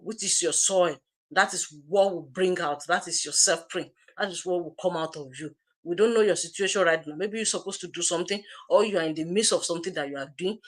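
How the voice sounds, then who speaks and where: A woman's voice: mid-range voice, fairly bright tone. A woman co-hosting a livestream, giving an emphatic motivational talk straight to her viewers and repeating phrases to drive them home. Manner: direct, addresses viewers as you. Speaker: co-host of an online business community livestream.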